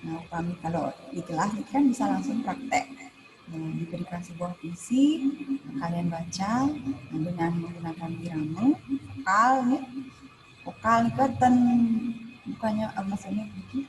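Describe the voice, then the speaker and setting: A woman's voice: fairly low pitch, expressive, normal speed, over music. A woman teacher with a Balinese accent explaining poetry in an online class, full of "nah" and "ya" fillers. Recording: noisy livestream audio with background hum.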